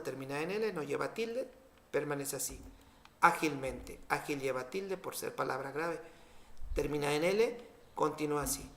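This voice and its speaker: Mexican guy teaching accent marks, slow and clear, kinda echoey room. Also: a little high. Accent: Mexican Spanish. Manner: clear, deliberate explanation with spoken examples. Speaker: spelling teacher. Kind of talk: scripted lesson narration.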